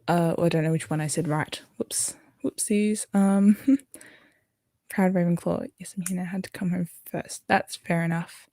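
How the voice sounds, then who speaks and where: Chatty young Australian woman, lowish voice. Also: fairly even intonation, moderate pace, warm tone, dry recording, clean studio sound. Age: young adult. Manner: chatty and rambling, with fillers and self-corrections. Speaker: livestream host. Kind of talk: casual livestream chat, reading viewer comments.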